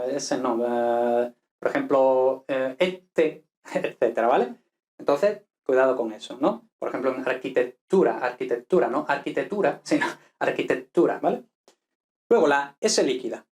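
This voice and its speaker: A man's voice: a little high, a little mellow. A man teaching pronunciation in a video lesson, explaining patiently, repeating example words and checking in with the listener often. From Spain. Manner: explanatory, frequent "¿vale?" check-ins and repeated model words. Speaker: language teacher.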